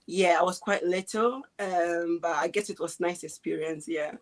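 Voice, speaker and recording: A young woman in her twenties, from Ghana, talking as a guest on a video call. Her voice sits a little low, and she speaks in an easygoing, halting way full of fillers. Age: 20s. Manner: relaxed, hesitant, with many fillers and restarts. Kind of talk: casual interview chat.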